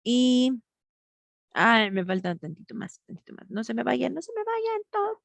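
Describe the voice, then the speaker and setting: A woman's voice: on the high side, big pitch swings, moderate pace, gravelly, dry recording. Woman teacher, patient, step-by-step explanations, dry close sound. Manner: patient, explains step by step, asks students for answers. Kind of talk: online grammar class. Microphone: video call.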